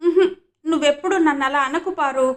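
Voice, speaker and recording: A woman's voice: high-pitched, moderate pace, voice pushed up, lightly acted. A woman voicing a shy, tearful young village boy, hesitant and sobbing.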